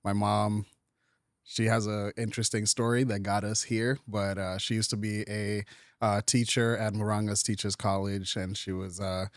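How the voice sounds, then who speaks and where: A man from Kenya, a podcast guest and business owner, telling his life story in a relaxed interview with lots of "uh" and easy laughs. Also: on the low side, moderate pace, dry recording, studio quality. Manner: easygoing, laughs often, many "uh" fillers.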